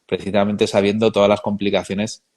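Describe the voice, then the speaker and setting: Man, lowish voice, thoughtful, unhurried interview host. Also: flat delivery, darkish tone. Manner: measured, reflective, hesitant fillers. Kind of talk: conversational interview.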